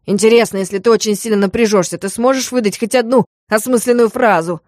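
A woman voicing an angry, hysterical young man who talks loud and bitter, in a dry reading. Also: fairly high pitch, fast talker, dry recording, lightly acted. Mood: furious.

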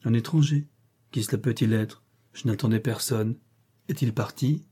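A brooding, masterful nobleman, voiced by a man reading aloud, speaks in a measured, teasing way. His tone is warm and dark. It is audiobook character reading. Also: medium pitch, slightly rough, lightly acted. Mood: bantering.

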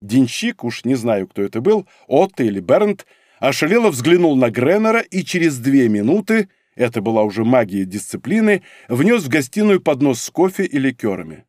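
Expressive male audiobook narrator. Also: medium pitch, normal speed, dry recording, clean studio sound. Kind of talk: first-person scripted narration.

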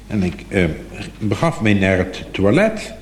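A man's voice: on the low side, big pitch swings, a little slow. Droll male comic storyteller, echoey tape. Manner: droll, mock-formal storytelling. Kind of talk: comic monologue. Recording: echoey, noisy archive recording.

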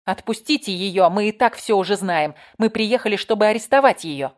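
A woman reading an audiobook voices a young policewoman shouting an urgent order. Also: medium pitch, animated, normal speed, lightly acted. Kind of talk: audiobook character voice.

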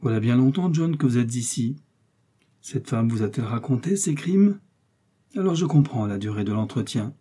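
A contemptuous nobleman, voiced by a man, who jeers at his captive in a storybook reading. The voice is dark, mellow and husky. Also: mid-range voice, expressive, moderate pace. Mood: scornful. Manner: mocking, scornful. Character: mocking, contemptuous older baron.

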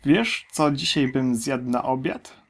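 Man doing the Enormous Crocodile, greedy and loud. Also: mid-range voice, animated, slow, slight background noise. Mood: greedy boastful. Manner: gloating, loud. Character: huge greedy boastful male crocodile.

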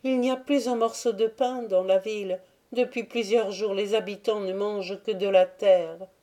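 A woman's voice: medium pitch, steady tone, normal speed, pitched above the performer's own voice, natural voice. A woman voicing a frightened, pleading young Tatar servant woman in an audiobook. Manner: hushed, pleading answers.

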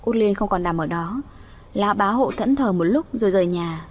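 A woman's voice: medium pitch, lively intonation, normal speed, a little mellow. A woman reading a dramatic story aloud as audiobook narrator.

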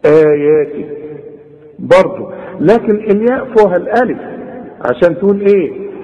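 A man with an Egyptian Arabic accent teaching Quran recitation, modeling words slowly and coaxing the learner. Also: high-pitched, very animated, long reverb tail, dull audio. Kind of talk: tajweed lesson, recitation with explanation.

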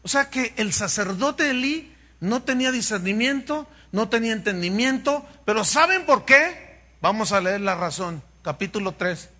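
A man's voice: high voice, normal speed. A man preaching a sermon, telling a Bible story with humor and acting out the dialogue. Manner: animated, humorous, acts out dialogue. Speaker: pastor.

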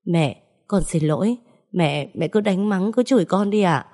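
A woman's voice: on the low side, animated, measured pace, dark tone. A woman voicing a remorseful young man, a fugitive son, speaking in a pleading, contrite way.

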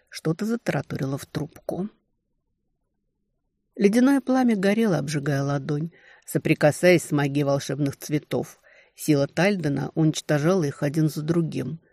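A woman narrating a romantic fantasy novel in an expressive storytelling manner. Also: sits low, dry recording, studio quality. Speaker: audiobook narrator.

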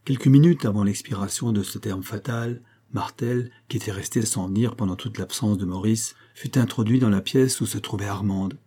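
A man narrating a classic novel chapter in a measured, even way. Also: on the low side, slightly rough. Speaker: audiobook narrator. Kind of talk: scripted literary narration.

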